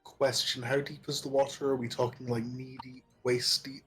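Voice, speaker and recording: A man plays a tabletop role-playing game, speaking casually. His pitch is average, and soft music runs behind his voice. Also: little pitch movement, normal speed, husky. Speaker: player.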